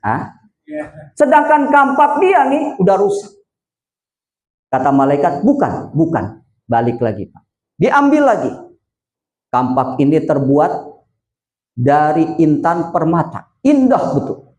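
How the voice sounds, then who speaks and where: A man's voice: a little high, huge pitch swings, slow pace, long pauses, a little mellow. A man preaching a humorous wedding sermon, telling a story and quizzing the crowd. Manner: joking storyteller, asks the crowd questions. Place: hall with audience. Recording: echoey hall.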